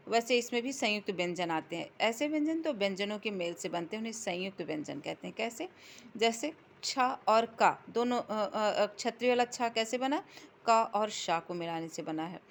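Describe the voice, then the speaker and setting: A woman teacher explaining a lesson to students, drawing out the example words and answering her own questions. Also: fairly high pitch. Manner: slow and drawn out when reading letter examples, asks questions and answers them herself. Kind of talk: classroom explanation.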